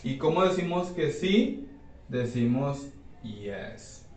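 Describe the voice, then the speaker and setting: A man teaching an English grammar class, explaining slowly and checking in with his students often. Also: mid-range voice, expressive, darkish tone. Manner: slow, repeats and checks with "¿sí?". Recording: echoey room, voice from far off.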